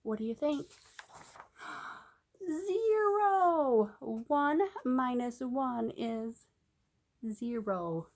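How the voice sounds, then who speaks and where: Her voice sits high as she reads a picture book to young kids in a teacherly style, pausing often. She's lively, draws out her words, poses questions to the listener and uses sing-song phrasing.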